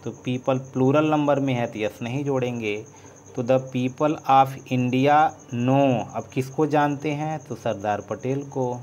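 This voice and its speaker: A man teaching an English lesson, spelling words out letter by letter as he writes and trailing off softly. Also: medium pitch, measured pace, dull audio, a little hiss or hum. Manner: dictates letter by letter, trails off softly while writing. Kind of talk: slow board-writing lesson, spelling out words.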